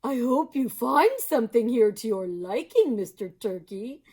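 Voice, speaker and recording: A woman's voice: on the high side, big pitch swings, a little slow, slightly rough, voice pushed up, heavily acted. A woman voicing a gushing, motherly female moose hostess who fusses over her guests. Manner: bright, fussing and exclaiming.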